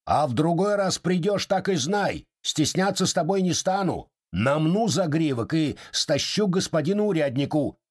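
A man reading an audiobook voices a surly yard keeper who shouts rough threats, in a husky voice. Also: fairly high pitch, lively intonation, moderate pace, few pauses, pitched above the performer's own voice. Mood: menacing. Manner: rough, menacing, insulting.

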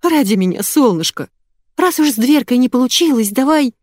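A woman's voice: sits high, expressive, normal speed, darkish tone, dry recording, studio quality, voice pushed up. Woman doing a timid, pleading young wife.

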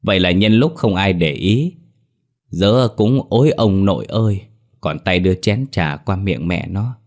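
A man narrating a ghost story in a steady, wry storytelling manner. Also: low voice, a little slow.

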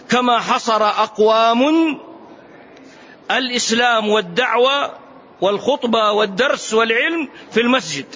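Male lecturer with a high voice, emphatic religious lesson, rhetorical questions and repetition, dull lo-fi recording. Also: sharp tone. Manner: emphatic, asks rhetorical questions and repeats key phrases. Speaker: Islamic lecturer.

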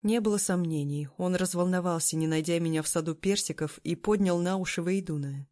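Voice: mid-range voice, brisk, a little mellow. Narrator reading a first-person novel. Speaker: audiobook narrator.

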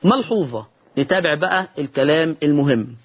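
A man with an Egyptian accent gives a televised recitation lesson in a notably high voice. He speaks patiently and draws out each example word in a slow chant before explaining the rule to his viewers. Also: animated, a bit bright. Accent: Egyptian Arabic. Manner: patient and encouraging, addresses viewers directly. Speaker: Quran recitation teacher.

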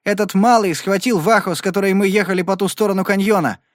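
A man's voice: sits high, steady tone, quick pace, dry recording, clean studio sound, pitched above the performer's own voice, close to an everyday voice. A man reading an audiobook and voicing an earnest, stubborn young cowboy who speaks emphatically. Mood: protesting. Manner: emphatic, pleading.

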